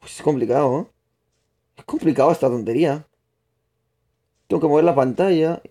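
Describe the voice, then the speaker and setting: The voice is a young man's, fairly high in pitch yet dark in tone, at a moderate pace. During a live gaming stream he puts on a Spain Spanish accent, chatting with his audience, responding to chat mid-game, and restarting his rambling explanations.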